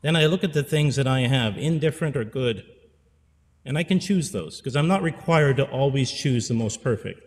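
A priest in his forties delivers an earnest pastoral sermon into a stand mic at the pulpit of a church sanctuary, his medium-pitched voice expressive at a normal pace with a big-room sound. He repeats phrases for emphasis.

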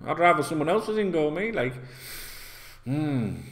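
A middle-aged Yorkshireman vlogs about football straight to camera from a small room with a plain wall. He rants casually and rambles in a conversational way, swearing a lot. His voice is a little high and animated, at a moderate pace.

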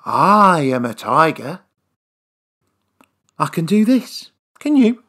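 A woman voicing a small, boastful male mouse who stubbornly insists he is a tiger, in a low, husky storybook voice. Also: very animated, takes it slowly, fairly bright tone, full character voice. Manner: stubborn, proud declarations.

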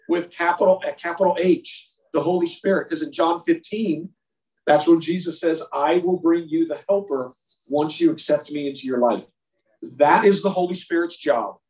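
A man's voice: a little high, darkish tone, recorded from a distance. Emphatic man leading a men's Bible lesson. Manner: emphatic, conversational, repeats words for stress. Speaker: men's Bible study leader. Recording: roomy sound from away from the mic.

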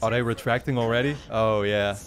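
Here the same twenty-something anime reaction YouTuber sounds fairly low and steady, keeping a brisk pace. He's still loose and slangy, musing out loud, recorded up close on a studio mic mounted on a boom arm inside a small furnished room.

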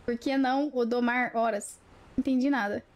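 A woman's voice: fairly high pitch, fairly even intonation, moderate pace, muffled recording, slight background noise. A woman, chatting playfully with viewers on a live stream through a webcam, teasing and giggling.

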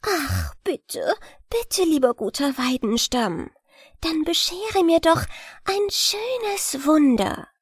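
A woman voicing a small, eager dwarf princess in a storybook, high and sweetly pleading. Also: sing-song, unhurried, a little mellow, no room sound, clean studio sound, exaggerated voice.

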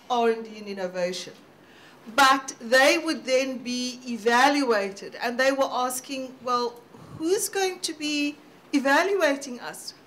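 A woman panelist giving measured, thoughtful answers in a roundtable discussion. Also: high voice, a bit bright. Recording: faint background noise.

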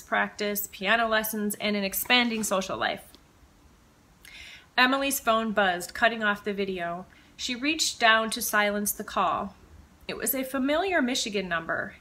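A woman author reading her own mystery novel aloud with measured, expressive storytelling. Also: medium pitch, low-quality recording. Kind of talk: audiobook-style reading of fiction.

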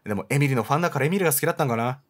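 Excitable male game streamer. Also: mid-range voice, rapid-fire. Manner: loud, excitable, laughing. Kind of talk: let's play commentary.

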